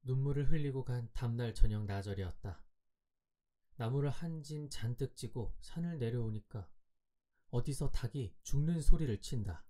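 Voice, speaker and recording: A man reads a classic tale aloud for bedtime listening, calm and measured. His voice is mellow and warm, sitting at an ordinary pitch. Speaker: audiobook narrator. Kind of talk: scripted audiobook narration for sleep.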